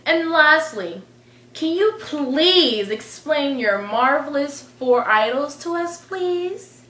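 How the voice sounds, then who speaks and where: A woman playing a probing talk-show interviewer in an amateur skit, asking slow, insinuating questions. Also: high voice, expressive, bright, forceful tone, slight background noise, heavily acted. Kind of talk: amateur skit role-play. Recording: echoey room.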